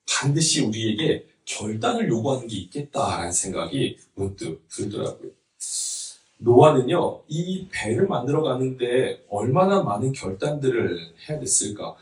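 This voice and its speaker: A man in his thirties, a pastor, preaching a conversational sermon with jokes and laughter, recorded from a distance in a church sanctuary. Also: mid-range voice. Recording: roomy hall from a distance.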